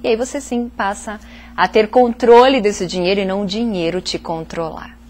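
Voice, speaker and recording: A woman's voice: mid-range voice, fairly even intonation, moderate pace, darkish tone. A woman, a finance guest patiently explaining savings tips on a TV show. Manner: patient, explanatory, many fillers. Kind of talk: advice on a TV talk show.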